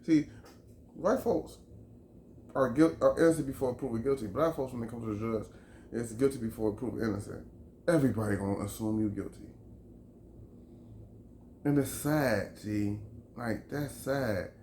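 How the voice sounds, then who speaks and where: Man, mid-pitched, fired-up vlog rant, swears and repeats points, echoey room with light background hum. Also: moderate pace, long pauses, mellow. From Chicago. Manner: heated, emphatic, profane, repeats himself. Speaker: vlogger. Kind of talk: opinion rant to camera. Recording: roomy echo, faint background ambience.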